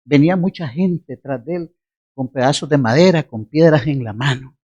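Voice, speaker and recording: Pastor, male, high voice, lively sermon storyteller with self-mocking laughs. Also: normal speed, lo-fi sound.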